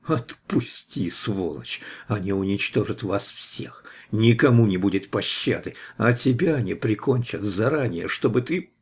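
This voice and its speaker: A man's voice: fairly low pitch, lively intonation, unhurried, hardly any pauses, husky, heavily acted. A man reading an audiobook voices a furious, spiteful young woman captive who hurls insults. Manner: shrieking, venomous insults.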